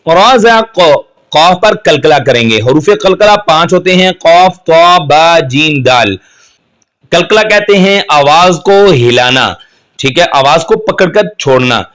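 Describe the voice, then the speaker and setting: A man teaching Quran recitation in Urdu, who patiently explains the rules step by step and then chants the verses slowly and melodically. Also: on the high side, fairly bright tone. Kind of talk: slow step-by-step tajweed lesson.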